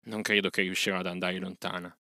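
A man reading aloud and voicing a gentle, timid mother from a village, in a soft pleading tone. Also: sits low, little pitch movement, fast, no room sound, clean studio sound, full character voice. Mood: worried.

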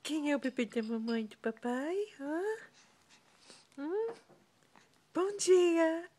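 A woman's voice: sits high, expressive, slow, warm tone. A mother cooing in sing-song baby talk to her infant while filming on a phone camera.

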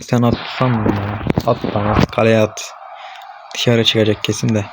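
A man's voice: fairly low pitch, little pitch movement, unhurried, heavy background noise. A young man hosting a gaming channel, commentating his own football match as he plays, talking to himself and urging on the players on screen, with frustrated outbursts. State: frustrated and worked up. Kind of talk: live gameplay commentary.

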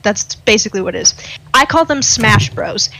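A woman's voice: mid-range voice, lively intonation, normal speed, sharp tone, low-quality recording. A young woman co-hosting a podcast in casual chat, telling stories with lots of fillers and teasing her friends. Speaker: podcast co-host.

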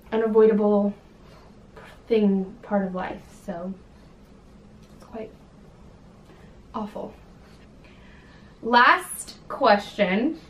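Casting note: woman in her twenties from California, relaxed unhurried chat, echoey room with faint hiss. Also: mid-range voice, distant mic. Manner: chatty and sassy, lots of ums. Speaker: vlogger. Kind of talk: casual chat. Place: home room.

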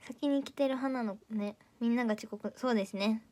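Playful Kansai teen girl, somewhat high. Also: normal speed, dark tone. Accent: Kansai Japanese. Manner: playful and teasing, chatty. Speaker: idol audition candidate streaming live. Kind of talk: casual livestream chat reading viewer comments.

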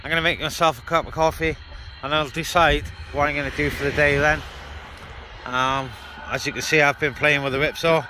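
A man with a fairly high voice and fairly even intonation chats a little fast in a laid-back, informal way while hosting an outdoor vlog and talking on CB radio. He's by a car boot on open moorland, with background noise.

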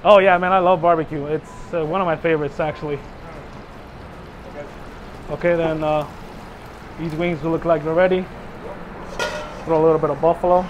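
A man's voice: fairly high pitch, steady tone, moderate pace, pauses often, highs cut off, noisy background. Easygoing chef man in a kitchen. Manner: easygoing, many fillers. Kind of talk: casual kitchen talk. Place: restaurant kitchen, indoors.

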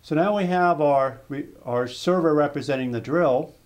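A software demonstrator narrates a step-by-step tutorial over screen footage. His voice is a little high and moves at a normal speed, and he explains calmly, restarting himself in small ways now and then.

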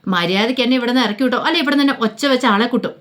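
A woman voicing an angry young woman who warns her captors in a sharp tone. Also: on the high side, racing, natural voice. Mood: defiant. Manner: sharp, warning tone.

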